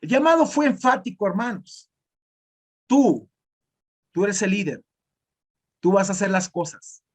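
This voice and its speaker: A man's voice: high voice, expressive, unhurried, pauses often, slightly rough. A man preaching a sermon as pastor in northern Mexican Spanish, talking directly and conversationally to the congregation.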